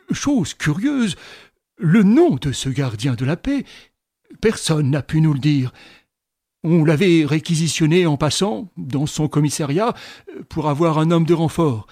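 A man's voice: fairly high pitch, expressive, a little slow, warm tone, dry recording, clean studio sound. A man reading aloud and voicing an old army general who presses his case with emphatic, raised delivery. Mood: insistent. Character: old male army general, insistent and proud.

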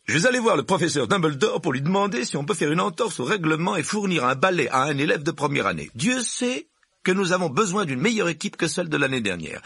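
A man's voice: on the high side, fairly bright tone, breathy edge, dry recording, pitched above the performer's own voice, heavily acted. A man voicing a stern elderly female professor who speaks curtly and commandingly. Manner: curt, commanding.

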